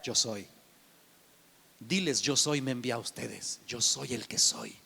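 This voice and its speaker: A man's voice: mid-range voice, gravelly, pushed and bright, slightly rough, voice pushed down, heavily acted. A preacher voicing God as a solemn, majestic male figure in a long-reverb hall. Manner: slow, solemn.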